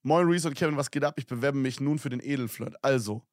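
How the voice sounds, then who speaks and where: A man's voice: mid-range voice, fast talker, dry recording, studio quality. A young man co-hosting a casual podcast, reading listener messages aloud with slang and laughs. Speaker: podcast co-host.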